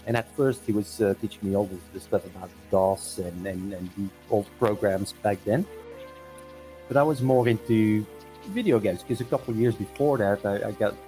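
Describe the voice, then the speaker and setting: A man's voice: fairly low pitch, normal speed, dark tone, faint music behind, low-quality recording. A man in his forties from Belgium, a guest answering questions in a casual video-call interview, hesitant with many restarts. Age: 40s.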